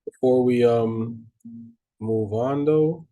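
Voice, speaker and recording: A man's voice: mid-range voice, slow pace, dark tone. A man teaching a math class, reading steps aloud with restarts and often checking in with his students. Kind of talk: online class lecture.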